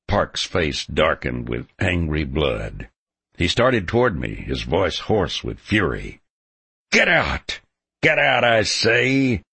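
Very deep, gravelly male storyteller. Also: no echo. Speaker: audiobook narrator. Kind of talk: scripted first-person western narration.

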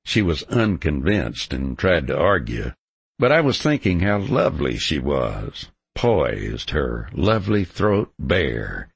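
A man narrating a scripted western story in the first person, with a gravelly, husky voice and a measured, dramatic delivery. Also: extremely low pitch, very animated, dry recording. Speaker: audiobook narrator.

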